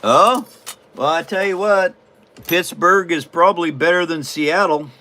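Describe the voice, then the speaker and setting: A man's voice: a little high, unhurried, sharp tone. A man from Washington State hosting a casual livestream while he builds a paper model, folksy and rambling with frequent chuckles. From Washington State, USA.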